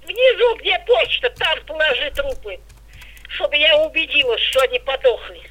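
A woman's voice: high voice, lively intonation, normal speed, pushed and bright. An older woman on a phone call, blunt, suspicious and swearing constantly. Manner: foul-mouthed, suspicious and blunt. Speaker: prank call target. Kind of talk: phone conversation. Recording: tinny phone line.

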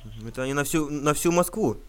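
A man making a prank phone call, talking in a deadpan, mock-earnest way and stumbling over words. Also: a little high, quick pace. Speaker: prank caller.

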